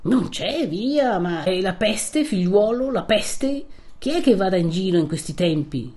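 A woman's voice: mid-range voice, animated, unhurried, darkish tone, lightly acted. A woman voicing a timid, fussy old male village priest who anxiously scolds a young man. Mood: fretful.

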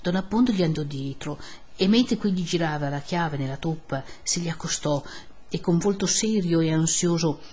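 Husky-voiced woman reading a classic novel. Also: sits low. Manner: measured, expressive storytelling. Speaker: narrator. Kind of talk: literary audiobook reading.

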